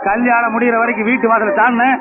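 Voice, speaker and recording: A man's voice: extremely high pitch, level tone, fast. A bullying father. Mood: menacing. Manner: shouting, threatening. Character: bullying father of three daughters, middle-aged. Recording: phone-like band with loud film music.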